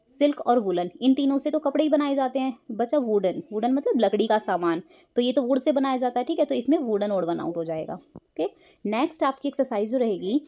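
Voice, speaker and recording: A woman teacher explaining a school textbook lesson, mixing Hindi and English and reading English lines slowly before explaining them. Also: a little high, mellow, muffled recording.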